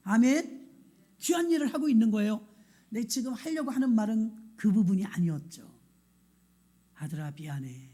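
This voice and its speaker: Husky-voiced woman pastor preaching. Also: a little high, animated, a little fast. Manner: storytelling, swings between hushed and emphatic. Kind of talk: sermon.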